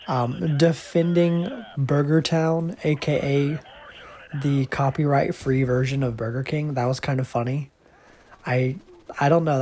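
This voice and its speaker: A man's voice: medium pitch, mellow. Nasal man rambling about games. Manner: chatty, rambling, self-deprecating. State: nasal from allergies. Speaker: gaming channel host. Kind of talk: casual rambling commentary over gameplay.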